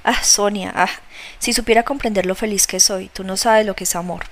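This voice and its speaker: A woman's voice: medium pitch, steady tone, moderate pace, lightly acted. A woman voicing an impassioned young woman in love who pleads insistently, read from a novel. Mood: pleading.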